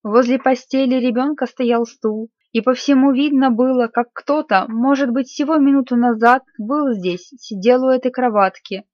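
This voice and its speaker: A woman narrating a classic story in a measured, expressive reading voice. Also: high-pitched, dry recording. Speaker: audiobook narrator. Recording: slightly muffled dry recording.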